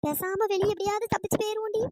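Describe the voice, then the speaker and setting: A voice actor playing sharp-tongued, easily panicked cartoon village women. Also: extremely high pitch, flat delivery, racing. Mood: scolding. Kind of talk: cartoon storytelling.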